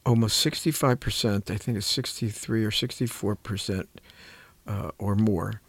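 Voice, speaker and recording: An older man, a clinician and programme host, talks reflectively and earnestly about caregiving in a conversational way, searching for words and leaning on key ones. His lowish, creaky, husky voice keeps fairly even intonation at a moderate pace, with no room sound.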